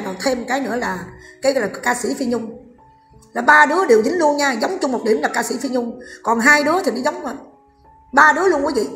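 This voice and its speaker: Fast, high-pitched scolding Southern Vietnamese woman. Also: fairly bright tone. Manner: scolding, addresses viewers directly. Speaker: vlogger. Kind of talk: gossip commentary.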